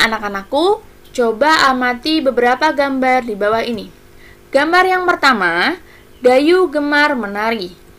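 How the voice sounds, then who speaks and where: Bright-voiced woman teaching children. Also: high-pitched. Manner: patient, explaining step by step to children. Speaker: primary school teacher. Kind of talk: online music lesson for children.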